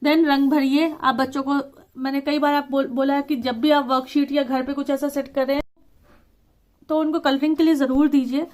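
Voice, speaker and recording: A woman teacher explaining a lesson, reading words out slowly and deliberately and slipping English words into casual talk. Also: sits high, level tone, a little mellow. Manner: slow, deliberate word reading with stressed syllables.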